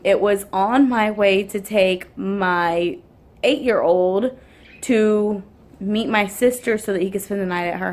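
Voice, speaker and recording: A woman, casually telling a story to the camera, rambling with many ums and restarts. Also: medium pitch. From Houston area, Texas. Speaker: vlogger and mother.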